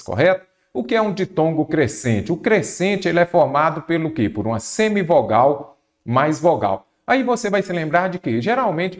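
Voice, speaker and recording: Man, brazilian portuguese accent, grammar teacher, slightly high voice, stretches key words, quizzes himself. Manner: asks rhetorical questions and answers them himself. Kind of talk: exam-prep grammar lesson.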